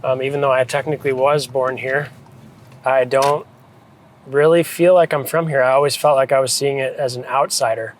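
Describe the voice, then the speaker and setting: An American man from New England, a photographer and director, is interviewed and chats casually and thoughtfully in an informal, reflective way. He speaks at normal speed with a medium pitch and fairly even intonation. The recording is low quality, with a little hiss or hum.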